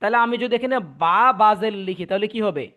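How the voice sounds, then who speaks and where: A man with a fairly high voice teaches an online recitation class. He is patient and reassuring, and he drills each syllable slowly so that students can echo it back over the call. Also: a bit bright.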